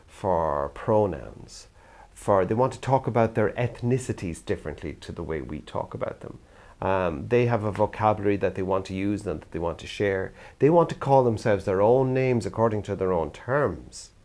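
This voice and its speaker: With a voice on the low side and a darkish tone, an older man from Ireland's theatre world talks to camera. He works in youth theatre, and he comes across as sincere and considered.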